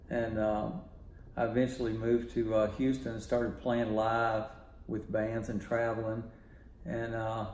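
In his home studio, an older Texan music producer gives a casual interview, talking in a relaxed, rambling way full of fillers. His voice is fairly low, with a roomy sound.

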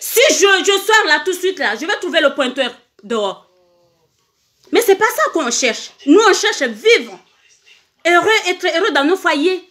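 High bright Comorian woman livestreaming. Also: very animated, measured pace. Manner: emphatic, repetitive, asks viewers for hearts. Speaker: singer on a livestream. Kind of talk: casual livestream monologue.

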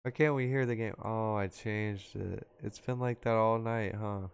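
A man's voice: on the low side, fairly even intonation, moderate pace, creaky, smooth. A man from Arkansas streaming a video game, laid-back, laughing often and swearing casually. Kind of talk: casual gaming chat.

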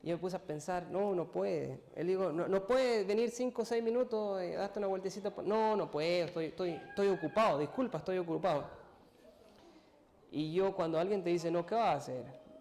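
A man giving a sermon testimony, telling a personal story in a halting, emotional way and acting out what people said to him. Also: high voice, a little mellow. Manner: storytelling, acts out his own and others' words, emotional, halting. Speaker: preacher.

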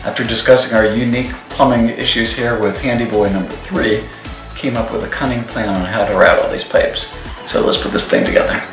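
A man's voice: mid-range voice, steady tone, fairly quick. A middle-aged man narrating his home renovation in a chatty, self-deprecating, jokey way, filmed at arm's length in his house. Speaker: home improvement vlogger. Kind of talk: casual DIY narration. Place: house interior, laundry and dining rooms. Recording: echoey room with background music.

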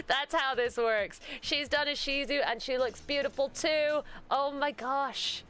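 A woman hosting a live-stream showcase, gushing loudly and yelling with excitement, swearing freely. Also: high voice, slow. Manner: loud, gushing, yells when excited, swears a lot. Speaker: host.

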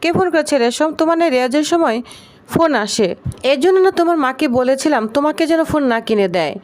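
A woman's voice: sits high, expressive, fast. A woman voicing an angry, strict middle-aged father who scolds. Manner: scolding, stern.

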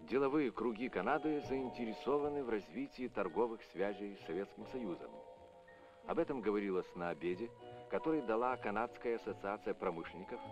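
A man reading formal scripted narration in a measured official tone, as an old Soviet newsreel voice-over. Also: on the low side. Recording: dull lo-fi old film soundtrack with music. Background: music.

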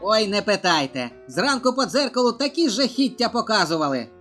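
A narrator reels off one short joke after another in a bouncy, animated voice. The pitch swings widely, and the quoted characters are lifted even higher. Soft music plays quietly underneath. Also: fairly quick. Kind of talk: reading a joke compilation.

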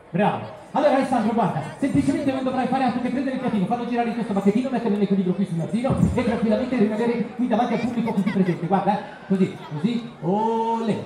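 High-voiced teasing showman. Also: warm tone, heavy reverb. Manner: teasing, playful showman, mock-grand announcements. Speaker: street performer and juggler. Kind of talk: comic street show patter with a child volunteer. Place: outdoor town square at a festival. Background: crowd of onlookers.

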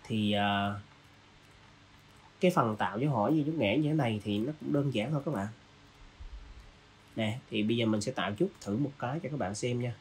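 A man hosting a design software tutorial, casually walking through each step with lots of fillers. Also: medium pitch, fairly quick, long pauses, a little hiss or hum. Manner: casual, walks through steps with many fillers. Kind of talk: screen-recorded software tutorial.

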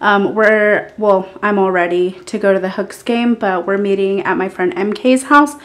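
Speaking at a moderate pace with a medium pitch, this young woman from Texas chats to camera for her lifestyle vlog. She's upbeat and full of fillers, filming first in a parked car, then at a small bedroom doorway.

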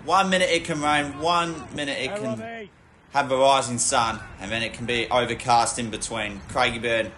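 A man giving football match commentary in measured phrases that lift with the play. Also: medium pitch, steady tone, crowd noise. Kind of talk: sports commentary. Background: music.

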